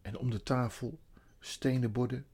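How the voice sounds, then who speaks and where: A man reading a children's story aloud in an expressive, dramatic way. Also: mid-range voice, normal speed, breathy edge.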